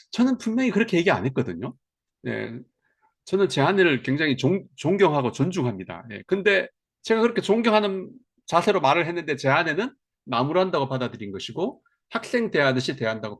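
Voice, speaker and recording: Animated middle-aged man lecturing. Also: a little high, fairly quick. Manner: animated, asks the audience questions. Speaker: lecturer on counseling. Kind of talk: seminar lecture to teachers.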